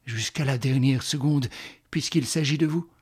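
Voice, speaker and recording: A man reading aloud, voicing a devoted young man in love who speaks with earnest urgency, in a husky voice. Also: mid-range voice, normal speed, close to an everyday voice. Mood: urgent.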